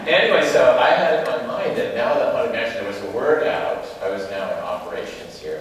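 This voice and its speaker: A man's voice: low voice, noisy background. A man telling rambling anecdotes to a live audience. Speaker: panel speaker. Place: large indoor event hall. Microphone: far camera. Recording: echoey hall from far off.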